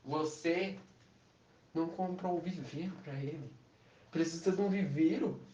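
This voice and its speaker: A calm, persuasive pet shop salesman, voiced by a man telling a story, talks in a steady, easy tone. The sound is roomy and dull. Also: a little high, measured pace, close to an everyday voice. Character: smooth-talking male pet shop salesman. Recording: echoey, distant, dull sound.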